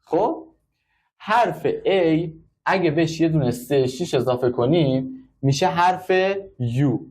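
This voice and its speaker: A man with a somewhat high voice explains braille to a class. He works step by step and counts out the numbers methodically. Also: darkish tone, a little hiss or hum. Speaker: braille teacher. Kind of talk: classroom lesson.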